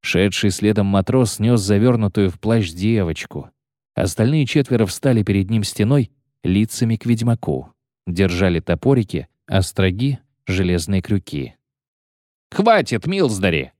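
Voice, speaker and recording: A man narrating a fantasy novel in an expressive, dramatic reading. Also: fairly low pitch, normal speed, no echo, studio quality. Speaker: audiobook narrator.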